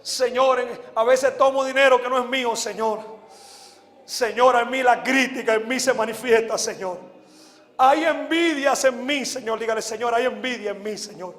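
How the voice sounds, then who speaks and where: A man evangelist preaching a sermon and leading an altar prayer, fervent, dropping to a soft tone then rising to shouts, with a repetitive prayer cadence. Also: very high-pitched. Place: large church hall before a congregation. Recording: echoey hall with long reverb.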